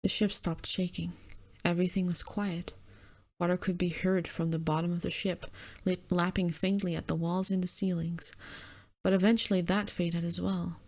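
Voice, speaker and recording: A woman's voice: on the low side, flat delivery, moderate pace, darkish tone. Young woman reading a game aloud. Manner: casual, giggly, stumbles over words. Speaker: gaming channel host. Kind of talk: reading a visual novel aloud with asides.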